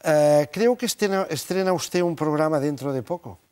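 A man's voice: a little high, normal speed, a little mellow, clear, resonant tone. A man hosting a TV studio interview, ironic and wry. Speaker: talk show host.

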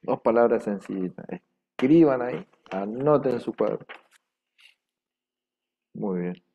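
A man teaching a language class, repeating words slowly and carefully and dictating them for students to write down. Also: mid-range voice, animated, mellow, slight background noise. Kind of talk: slow repetitive language class. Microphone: microphone. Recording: dull lo-fi room microphone.

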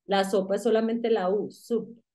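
A woman teaching English in a relaxed lesson, repeating words and explaining pronunciation. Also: lowish voice, slow pace. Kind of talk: casual online English lesson.

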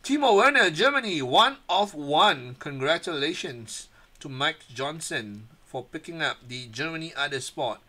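A man hosting a card break, casually reading out player names one by one, his voice a bit hoarse. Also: a little high, expressive, unhurried, bright, forceful tone.

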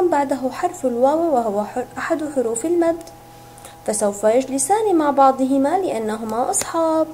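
A woman teacher giving a recorded reading lesson to young children, sounding out syllables slowly and stretching each word. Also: high voice, dark tone, a little hiss or hum. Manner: slow, drawn-out syllables, sounding words out. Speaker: kindergarten teacher.

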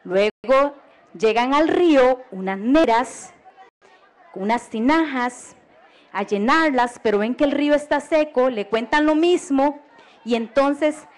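A Costa Rican woman tells a folk tale to children on a radio program, pausing to ask her listeners questions and get them to join in. Her voice sits high and bright in its register. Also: some chatter behind. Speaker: storyteller. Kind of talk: oral storytelling for children.

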